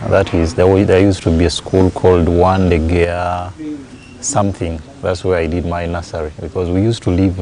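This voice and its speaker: A man in his forties with a Ugandan English accent, an interview guest recalling his family and schooling in a measured way, pausing to correct himself. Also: low-pitched, a little mellow. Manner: measured, recalls details with pauses and self-corrections. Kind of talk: casual interview conversation. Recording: faint background noise.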